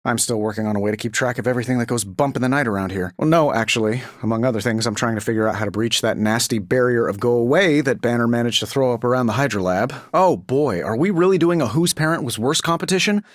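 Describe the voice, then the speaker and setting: A man playing a cocky, quick-witted billionaire inventor superhero in a video game, with a glib, sardonic, wisecracking delivery. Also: medium pitch, no echo, clean studio sound, lightly acted. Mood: glib, confident. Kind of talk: scripted video game voice lines.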